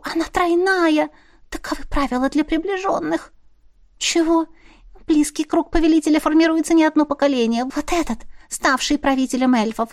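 A woman's voice: sits high, darkish tone, no echo, studio quality, pitched above the performer's own voice. A woman voicing a sly, mocking young female otter spirit in an audiobook. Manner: mocking, snippy.

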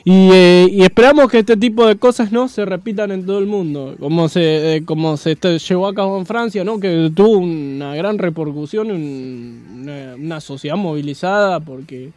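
Hesitant Rioplatense radio co-host, dry sound. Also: male voice, high-pitched, normal speed, hardly any pauses, darkish tone, no room sound. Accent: Rioplatense Spanish. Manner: hesitant, many fillers and restarts. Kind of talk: casual radio talk.

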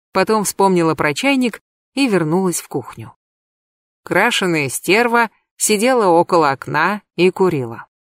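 A woman narrating a novel in the first person with a wry, lively storytelling manner. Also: on the low side, no room sound, clean studio sound. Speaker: audiobook narrator.

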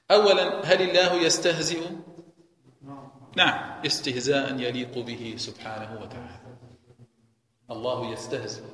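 Guy teaching a religious class, asks himself questions then answers, kinda high voice, big echoey mosque. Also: fairly bright tone. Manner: explains by posing and answering rhetorical questions. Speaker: Quran teacher. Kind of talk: religious lesson. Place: mosque hall. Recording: echoey reverberant mosque hall.

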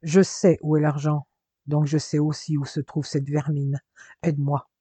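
A man's voice: fairly high pitch, little pitch movement, normal speed, mellow, slightly rough, no room sound. A man voicing a grieving young man set on revenge, speaking with fierce determination. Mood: determined. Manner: intense, determined.

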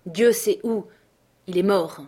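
A woman voicing a frightened middle-aged housekeeper who speaks in halting, hushed words while reading a storybook aloud. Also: medium pitch, breathy edge. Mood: shaken.

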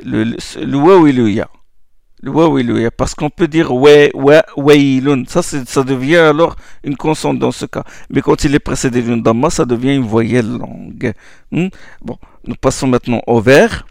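Gravelly guy teaching arabic letter sounds, slow and halting, keeps saying hmm?, dry close sound. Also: medium pitch, darkish tone, no room sound. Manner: hesitant, repeats words, checks with "hmm?". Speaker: Quran recitation teacher. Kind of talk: slow classroom explanation.

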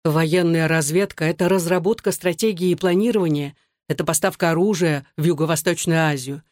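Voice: mid-range voice, fairly even intonation, brisk, darkish tone, no echo, close to an everyday voice. Reader's stern, short-tempered father figure, exasperated, dry reading. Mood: persuading. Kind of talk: audiobook reading.

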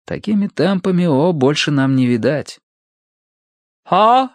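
Lively male audiobook narrator. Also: medium pitch, moderate pace, dry recording. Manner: expressive, lively storytelling. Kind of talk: first-person audiobook narration.

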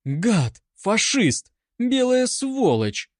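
A man voicing a defiant young female Red Army soldier who shouts her indignation in a raised, strained voice. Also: high-pitched, big pitch swings, a little slow, no room sound, studio quality, pitched above the performer's own voice. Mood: defiant, shrill.

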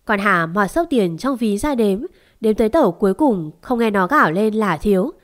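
A woman tells a first-person story. Her narration is dramatic, and she voices heated quarrels with sharp bursts. Her pitch sits in the middle range. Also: lively intonation, normal speed.

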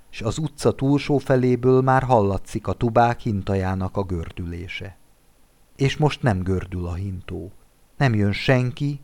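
A man narrating a classic literary story for an audiobook. He reads expressively, and his voice sits a little low. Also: darkish tone. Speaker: audiobook reader.

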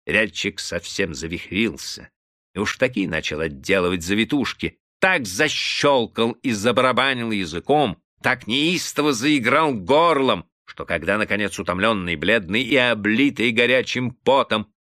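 A man narrating classic prose in an expressive, dramatic reading. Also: fairly low pitch, moderate pace, no echo, clean studio sound. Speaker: audiobook narrator.

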